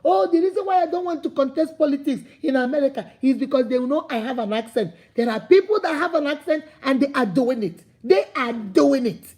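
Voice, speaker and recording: This motivational speaker, a woman with a Nigerian accent, talks briskly with hardly any pauses in a high-pitched, animated, slightly mellow voice. Her impassioned, preachy talk repeats its points and rises to emphatic calls.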